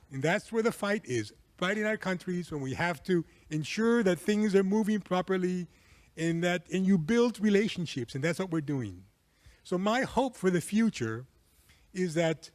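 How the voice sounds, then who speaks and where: On a conference hall panel, this civil society network chair from Peru speaks earnestly and in a measured way, often saying "um." His pitch is high and the recording dry.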